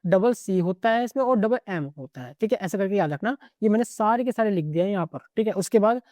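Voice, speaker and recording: A man teaching an exam-prep lesson in a relaxed, unscripted way. His tone is soft and mellow, and the sound is close and dry with no room around it. He runs quickly through lists of words and keeps checking in with the listener. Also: sits high, no room sound. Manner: rattles through word lists, peppering every line with 'okay'. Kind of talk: casual spoken lesson.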